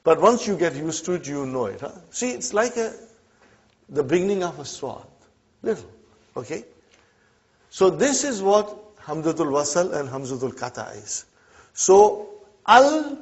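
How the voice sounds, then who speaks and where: A male Arabic teacher, not a native speaker, talks slowly in a fairly high, husky voice. He checks in with the class again and again. The recording is dull and lo-fi. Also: big pitch swings. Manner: checks in often with "huh?" and "okay?". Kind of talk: classroom lesson.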